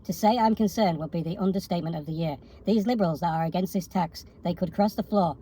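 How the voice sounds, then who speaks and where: A woman co-hosting a talk show who reads viewer comments aloud in a brisk, matter-of-fact way. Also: on the low side, warm tone. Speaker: co-host reading viewer comments.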